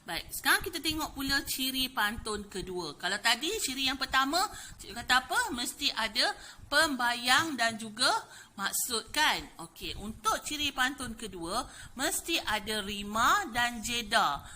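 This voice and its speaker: A Malaysian primary school teacher with a Malay accent explains poetry to young pupils in a classroom lesson. Her voice is a little high, animated, pushed and bright, at a moderate pace, and she chats freely, filling her speech with "okey" and "ha".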